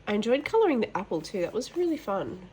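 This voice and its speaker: A woman with a stuffy, nasal voice from hay fever talks through her work in a loose, chatty way. She rambles and drops quick apologies as she goes, at an ordinary middle pitch. A faint background hiss sits under her voice. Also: sing-song, a little mellow. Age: adult, mother of boys. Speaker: colouring channel host. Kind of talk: casual show-and-tell chat. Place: at home.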